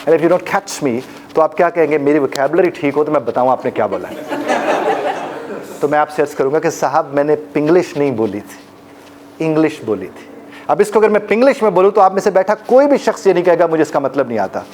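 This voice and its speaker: A man's voice: fairly high pitch, lively intonation, fairly quick, noisy background. A man teaching a live workshop audience, demonstrating pronunciations and joking with the room. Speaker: life coach and trainer.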